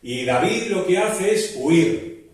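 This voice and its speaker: A man's voice: sits high, expressive, slow pace. A male pastor preaching a sermon, explaining with frequent restarts and rhetorical questions. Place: church. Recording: very echoey church hall from a distance.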